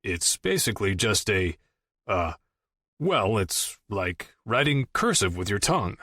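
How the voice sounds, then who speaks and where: A man's voice: on the low side, very animated, unhurried, pushed and bright, slightly rough, no echo, clean studio sound, heavily acted. A man voicing an awkward grown man who hesitates and fumbles for words in an audiobook. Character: awkward adult man trying to smooth things over.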